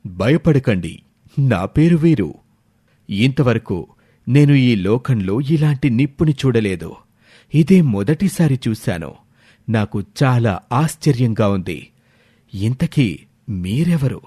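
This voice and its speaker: A man voicing a gentle, lonely male stranger from a snowy land in an animated storybook, speaking in a calm, cautious tone. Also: medium pitch, takes it slowly, long pauses, breathy edge, no echo, clean studio sound, voice pushed down. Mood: wondering.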